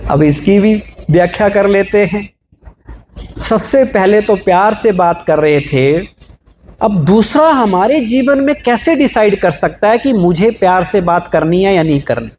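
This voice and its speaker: A man with a notably high voice gives a motivational talk to a live audience. He keeps asking the listeners questions, asks for raised hands and builds his points from everyday examples. A faint hiss of noise sits under the recording. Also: unhurried. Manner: explains with everyday examples, lively. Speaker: spiritual speaker.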